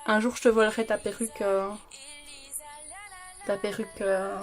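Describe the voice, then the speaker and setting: A woman's voice: mid-range voice, level tone, normal speed, faint music behind. A young woman doing a live makeup stream from home, chatting with viewers and giggling often. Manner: giggly, bubbly, talks to chat by name. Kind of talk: chatty livestream talk to viewers.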